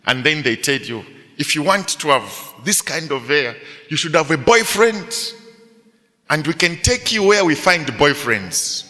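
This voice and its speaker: A middle-aged male pastor preaching to students, telling a story with animated delivery and frequent rhetorical questions. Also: on the high side, unhurried, big-room sound. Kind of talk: sermon to students.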